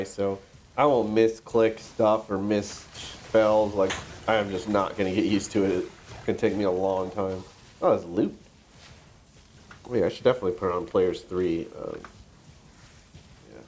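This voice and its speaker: A man's voice: lowish voice, steady tone, moderate pace, darkish tone, slight background noise. A congested man with a stuffy nose, chatting casually to himself and swearing offhandedly while streaming a game. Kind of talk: casual gameplay livestream commentary.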